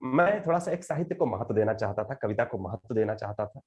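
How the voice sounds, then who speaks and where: A man in his thirties, a poet talking earnestly and reflectively in an interview and reciting his verse slowly with rising emphasis. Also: lowish voice, lively intonation, darkish tone, highs cut off, slight background noise. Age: 30s. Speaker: poet guest. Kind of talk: conversational interview with poetry recitation.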